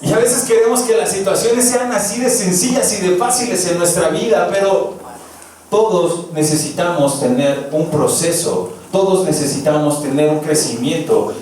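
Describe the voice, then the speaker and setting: A man's voice: on the high side, a little mellow, distant mic. A man preaching a verse-by-verse sermon, emphatic and asking the congregation questions. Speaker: pastor. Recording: roomy echo, voice from afar, faint noise.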